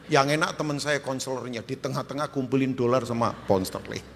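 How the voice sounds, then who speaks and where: A middle-aged man preaching a sermon as pastor, joking and swinging from loud shouts to quiet asides. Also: medium pitch, fairly even intonation, brisk, gravelly, a little hiss or hum. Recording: reverberant church hall.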